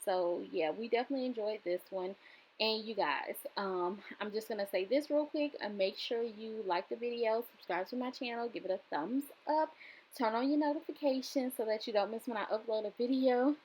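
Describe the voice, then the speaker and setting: A woman's voice: on the high side, moderate pace, darkish tone, slight background noise, poor audio. A young woman chatting casually to her viewers in a home kitchen vlog, talking them through the cooking with lots of fillers. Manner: chatty, filler-heavy, addresses viewers directly. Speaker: vlogger.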